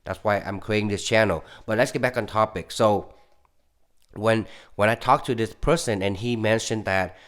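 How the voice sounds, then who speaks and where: A man's voice: lowish voice, moderate pace. A man from California talking casually and rambling through his opinions, stammering often and growing insistent. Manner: rambling, with frequent restarts and stammers; gets heated and insistent. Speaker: political commentary YouTuber.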